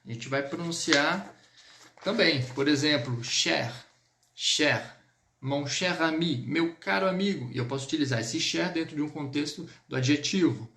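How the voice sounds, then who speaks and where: Brazilian male French teacher, gravelly voice a bit high, patient live-lesson delivery. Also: sharp tone, reverberant. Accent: Brazilian Portuguese. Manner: patient, repeats words slowly, checks in with "tá?". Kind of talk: live online language lesson.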